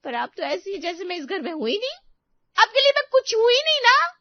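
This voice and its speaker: Squeaky whiny young bride in a cartoon, dry flat sound. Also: female voice, fast, no room sound, highs cut off. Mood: upset. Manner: whiny, demanding. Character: young sulky female sister-in-law Sunita. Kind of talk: cartoon voice acting.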